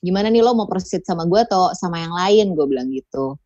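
A woman's voice: lowish voice, lively intonation, fast talker, warm tone, dry recording, highs cut off. A young adult woman with a Jakarta accent, a voice-over talent chatting casually as a guest and mixing in English. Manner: colloquial, mixes in English. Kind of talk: casual podcast chat.

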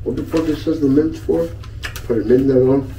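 A man's voice: mid-range voice, steady tone, a little fast, dark tone, slight background noise. A man talking casually with his hand over his mouth, loose and profane, in an unboxing vlog. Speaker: vlogger. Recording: echoey room, mic at a distance, music behind.

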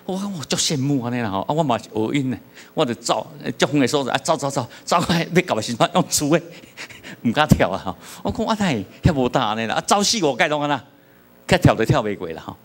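A middle-aged pastor from Taiwan with a Taiwanese accent, preaching a sermon with humorous stories and questions to the congregation. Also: male voice, medium pitch, sing-song, fast.

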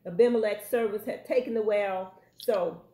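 A woman's voice: medium pitch, normal speed, dark tone. Woman teaching bible study, keeps asking right?, echoey room. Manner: explains and checks with listeners. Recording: roomy echo.

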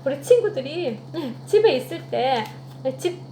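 A woman who teaches children's ministry gives a children's sermon, telling the story with animation and asking the kids questions. Her voice sits high yet has a dark tone, expressive and measured in pace, in an echoey room with a faint hum.

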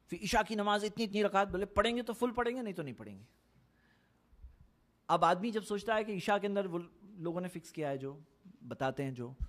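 A man from India giving an earnest, explanatory religious talk in a conversational way, repeating points for emphasis. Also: high-pitched. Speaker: Islamic speaker. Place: Saudi Arabia.

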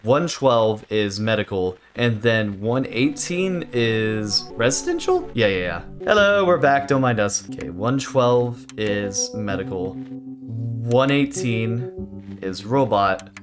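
A young man gives loose, joking commentary while he plays, swearing now and then and working through puzzles out loud. His pitch sits in the middle range. Clear guitar music plays behind him. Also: expressive, slow pace. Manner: joking, swears, thinks aloud. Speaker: let's play host. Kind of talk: casual gameplay commentary.

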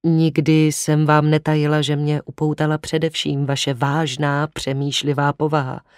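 A man's voice: on the high side, completely flat delivery, clean tone, dry recording, clean studio sound, lightly acted. A man voicing a cold, commanding young woman. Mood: excited. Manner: sharp and imperious. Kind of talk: audiobook reading.

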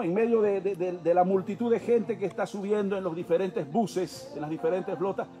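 A Bolivian-accented man preaching a sermon, with a notably high voice. He tells his point as a lively story, speaking directly to the listener. Soft music plays faintly behind him. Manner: animated storytelling, talking straight to the listener.

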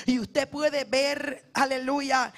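A woman evangelist preaching a fervent sermon, often shouting, speaking straight to her congregation. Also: sits high, fairly even intonation, takes it slowly. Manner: direct address to the congregation.

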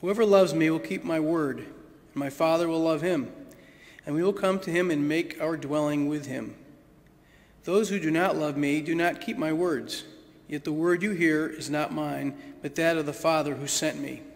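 A man reading the gospel at a church service in a measured, solemn way, his voice ringing with a cathedral echo. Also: on the high side, gravelly. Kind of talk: liturgical scripture reading. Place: large church. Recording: echoey church heard from a distance.

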